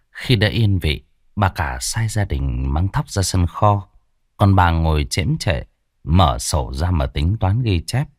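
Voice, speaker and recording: A man narrating a dramatic folk tale in an unhurried, expressive way. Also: fairly low pitch, dry recording, studio quality. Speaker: storyteller.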